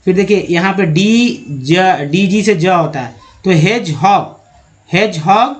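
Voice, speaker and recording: A man teaching English spelling and pronunciation from slides, drawing words out slowly one at a time and addressing viewers as friends. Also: sits high, animated. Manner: slow, drawn-out word-by-word pronunciation. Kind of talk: slide-based spelling lesson.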